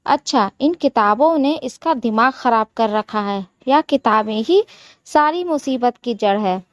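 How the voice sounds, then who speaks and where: A woman voicing a harsh, scornful middle-aged mother-in-law who taunts and scolds, in a slow storybook telling. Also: on the high side, animated, no room sound, clean studio sound.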